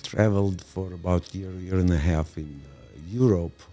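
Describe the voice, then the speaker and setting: Older guy from lebanon, warm low voice, takes his time telling his story. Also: faint music behind. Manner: unhurried, with pauses and fillers. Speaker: podcast guest. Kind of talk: relaxed conversational storytelling.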